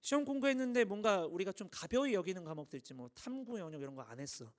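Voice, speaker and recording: Youth pastor, man in his thirties, high lively voice, playful preaching to teens. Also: quick pace. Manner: animated, acts out dialogues, asks the audience questions. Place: church hall.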